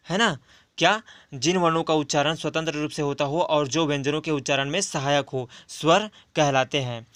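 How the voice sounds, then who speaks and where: A man teaching a spoken grammar lesson. He explains step by step, repeats each definition and draws out the example sounds slowly. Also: a little high, a bit bright, no room sound.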